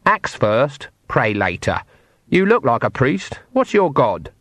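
A man's voice: medium pitch, very animated, slow, a bit bright, no echo, exaggerated voice. A man playing a blunt old witch. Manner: blunt, matter-of-fact. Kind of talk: audiobook character voice.

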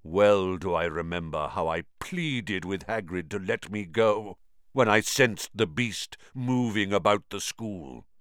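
A man voicing an ancient giant male spider, croaking and grave, speaking slowly and solemnly. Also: low-pitched, a bit bright, no echo, studio quality. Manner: slow, solemn, clicking menace.

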